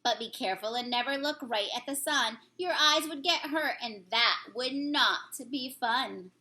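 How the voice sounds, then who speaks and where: Female teacher, children's read-aloud, sing-song delivery, bright high voice. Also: moderate pace. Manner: sing-song, expressive storybook reading. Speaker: teacher reading a picture book aloud.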